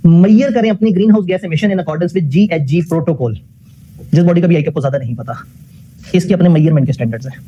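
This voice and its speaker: A man's voice: fairly high pitch, a little fast, mellow, slightly rough, lo-fi sound. A man giving a classroom lecture. He puts questions to the class, answers them himself, and mixes English technical phrases into his talk.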